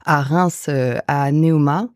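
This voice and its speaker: A woman in her forties from the Paris region, a guest in a podcast interview, answering hesitantly with many filler pauses. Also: deep voice, no room sound, studio quality. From Paris region, France. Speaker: guest investor.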